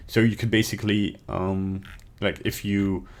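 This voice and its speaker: At his home desk, a young Belgian streamer with a Belgian accent gives a casual 3D tutorial with chat, muttering to himself, rambling and thinking out loud as he works. His lowish voice stays level and measured in pace, with soft typing and mouse clicks in the background.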